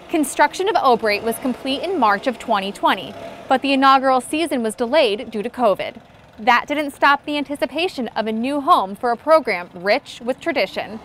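A woman's voice: sits high, fairly bright tone, a little hiss or hum. A young woman reporter giving upbeat scripted narration beside a ballfield.

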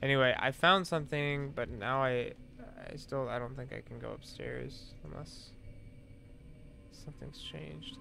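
A man casually commenting while playing a game, hesitant and often filling pauses with "um" and correcting himself. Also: medium pitch, steady tone, creaky, bright, forceful tone, a little hiss or hum. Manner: hesitant, full of ums and self-corrections. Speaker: game streamer.

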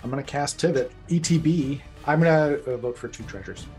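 A man playing a card game who rattles off his plays briskly with light laughter. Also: a little high, darkish tone, faint music behind. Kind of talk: casual gameplay chat.

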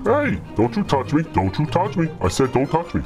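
A man using a voice changer that pitches his voice deep and distorted to play a crude, taunting male Satan in game voice chat, with a gravelly sound. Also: sing-song, normal speed, music in the background. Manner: taunting, growling threats and mock sweet talk. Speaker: gamer.

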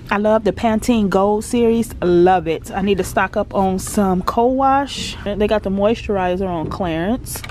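This family vlogger and mom talks to her handheld compact camera in a medium-pitched, slightly mellow voice, with a little hiss or hum on the recording. Her casual chat is relaxed, full of slang, and punctuated by frequent laughter.

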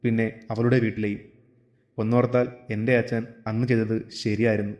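A man voicing a calm, detached elderly father in a storybook reading, speaking evenly and without fuss. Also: on the low side, a little fast, close to an everyday voice.

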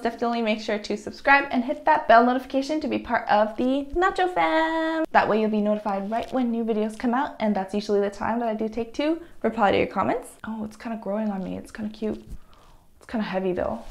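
A young woman chats to the camera in a casual vlog while she trims her own hair. Her voice sits a little high and has a gravelly edge. She talks to herself as she works and breaks into gasps and squeals of dismay. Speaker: vlogger.

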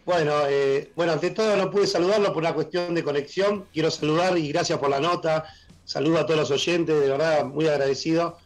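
A middle-aged Argentine man with a worn, husky voice, a blues musician talking enthusiastically on a casual radio interview over a video call. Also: on the high side, steady tone, faint music behind, low-quality recording. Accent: Argentine Spanish. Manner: enthusiastic, halting with fillers. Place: room at home, joining by video call.

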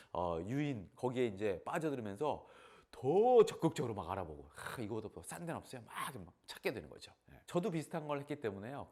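An animated man tells stories in a lecture, pausing for effect. His pitch swings widely, and his voice sits in the middle range. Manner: animated, lively, with dramatic pauses. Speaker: speaker of a talk channel.

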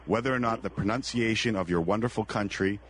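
A man's voice: lowish voice, quick pace, slight background noise. A man co-hosting a sports talk show, teasing and arguing playfully with his partner. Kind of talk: casual sports radio banter.

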